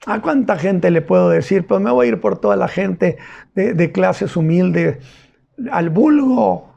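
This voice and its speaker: Male pastor, sermon delivery, high voice with a dark, gravelly tone, unhurried storytelling. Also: highs cut off. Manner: slow, deliberate storytelling with vivid retelling.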